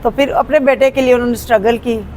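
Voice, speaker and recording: A woman's voice: on the high side, fairly even intonation, quick pace, a little mellow, slight background noise. Punjabi-accented woman telling her family history. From Pakistan. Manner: hesitant, with frequent fillers and restarts. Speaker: interview guest. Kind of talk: casual conversational interview.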